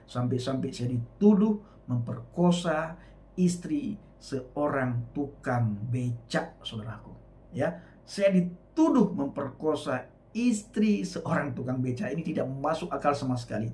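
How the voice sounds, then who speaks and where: Animated man preaching his testimony. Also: medium pitch. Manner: emphatic, addresses listeners often.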